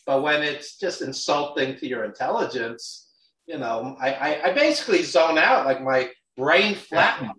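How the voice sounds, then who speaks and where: A man's voice: fairly high pitch, expressive, moderate pace, fairly bright tone. A man from New York with a Brooklyn accent, chatting casually in a blunt, opinionated way as a guest. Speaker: guest, wrestling industry insider. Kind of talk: casual chat. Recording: roomy, echoey, distant from mic.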